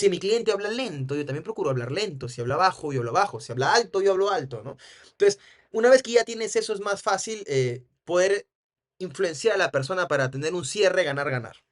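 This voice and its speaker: A man's voice: high-pitched, fairly bright tone. A man teaching a sales course, explaining a book in a casual way. He often ends points with a tag question and acts out quoted dialogue in a livelier voice. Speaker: NLP trainer. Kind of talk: commenting on a book for students.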